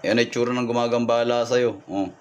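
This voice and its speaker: A man's voice: mid-range voice, fairly even intonation, a little fast. Man reading signs on a livestream. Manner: repetitive, thanks viewers by name, points things out. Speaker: folk healer livestreaming readings. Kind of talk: live-stream reading and viewer shout-outs.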